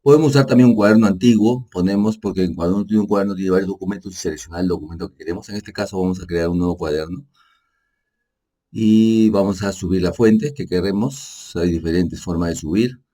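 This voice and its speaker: A Spanish-speaking energy manager gives an unscripted screen-share software tutorial in a low, deep voice with a dark, mellow tone. He talks casually and unhurriedly, explaining as he works, correcting himself and using fillers like "pues" and tag questions like "¿no?"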